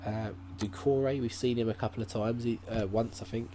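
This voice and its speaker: A man speaks a little fast in a steady, medium-pitched tone while hosting a gaming channel. His let's-play commentary is casual and rambling, full of fillers and restarts as he thinks aloud. Sound comes through a desk mic at his laptop, backed by a faint laptop hum.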